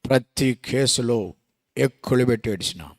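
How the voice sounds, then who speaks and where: A man preaching a sermon, swinging between loud exclamations and hushed asides and asking the congregation rhetorical questions. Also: medium pitch, moderate pace, no echo, studio quality.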